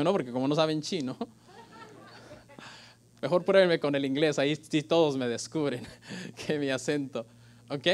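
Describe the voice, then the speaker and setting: Pastor, man, middle-aged, fairly high voice, lively church sermon. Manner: lively preaching, addressing listeners as "hermano"; jokes with the congregation.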